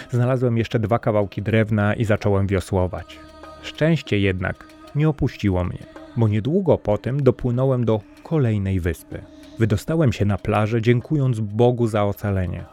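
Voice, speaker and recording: A man narrating an adventure tale in the first person, in a vivid, expressive storytelling manner. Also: lowish voice. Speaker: audiobook narrator. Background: faint background music.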